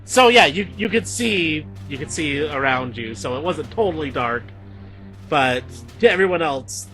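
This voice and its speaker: Male tabletop GM, playful narrator, bright, slightly high voice. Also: animated, measured pace, soft background music. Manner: playful, laughs often. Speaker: game master.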